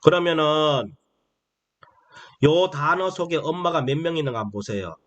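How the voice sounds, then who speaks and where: A man teaching English phonics to beginners in a slow, explanatory way. He keeps asking questions and answering them himself, and he drags out the key phrases. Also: a little high, fairly bright tone, lo-fi sound. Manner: repetitive, asks and answers his own questions; drawls key phrases slowly.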